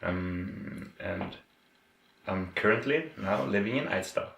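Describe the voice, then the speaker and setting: A man's voice: low-pitched, lively intonation, slow, vocal fry, fairly bright tone, a little hiss or hum. A young man, introducing himself in a plain, matter-of-fact way. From Norway. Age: 20s. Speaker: project engineer. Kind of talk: interview self-introduction. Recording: echoey room.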